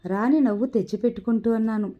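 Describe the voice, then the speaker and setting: A woman reading a novel aloud in steady storytelling narration. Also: on the high side, quick pace. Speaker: audiobook narrator. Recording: dull lo-fi recording.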